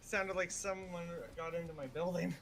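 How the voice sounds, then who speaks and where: A man's voice: high-pitched, steady tone, normal speed, creaky, a loud crowd. A man chatting casually as a player in a tabletop game, hesitant and thinking aloud.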